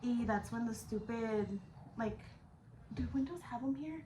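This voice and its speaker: Her voice a little high and mellow, a vlogger in her 20s tells a personal story a little slowly. She chats casually, using slang, swearing offhandedly, and moving between Spanish and English. The space echoes, and background noise is audible.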